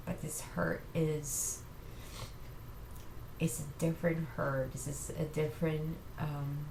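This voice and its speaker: A woman giving an earnest, halting personal faith testimony to camera, tearful and sounding like she has just been crying. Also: low-pitched, gravelly. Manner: earnest, halting, reassuring listeners. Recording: echoey room with faint noise.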